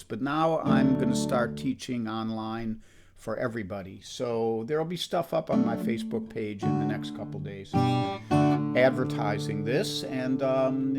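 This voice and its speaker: In his seventies, a musician hosting a live stream chats casually between songs, rambling and poking fun at himself. His voice is croaky and medium-pitched, with acoustic guitar in the background.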